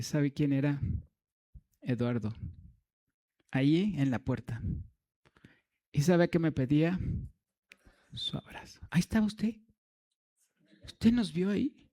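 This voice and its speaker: A man's voice: mid-range voice, darkish tone. A man preaching a sermon in a church, telling a story with humor and asides to the congregation.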